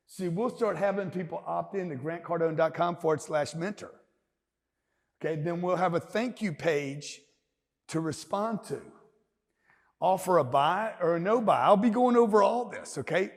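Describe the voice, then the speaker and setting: A man in his fifties from Louisiana with a Southern accent, giving a loud, emphatic, rambling and jokey seminar talk as a business mentor. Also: sits high. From Louisiana, USA. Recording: long hall reverb.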